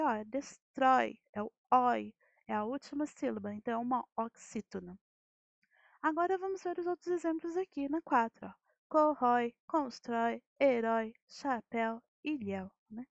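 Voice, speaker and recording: A woman's voice: high voice, gravelly, darkish tone, no room sound. A Brazilian Portuguese-speaking woman teacher explaining a grammar lesson, asking rhetorical questions and often checking with "né". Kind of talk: recorded classroom lesson. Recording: dull lo-fi dry audio.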